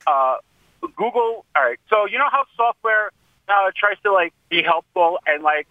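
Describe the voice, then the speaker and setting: A high-voiced man calls in to a talk radio show, his choppy phone line breaking up as he speaks. The sound is dull and dry, and he rambles along casually with plenty of ums and likes. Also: animated, moderate pace, no room sound. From Queens, New York. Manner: rambling, hesitant with many fillers. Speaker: caller. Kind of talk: casual call-in chat.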